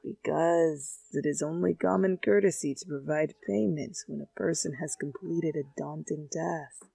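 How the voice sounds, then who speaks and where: A woman voicing a sly, calm old uncle in a fan fiction reading, teasing in a slow, measured way. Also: sits low, creaky, slightly rough, dry recording, voice pushed down, exaggerated voice, poor audio.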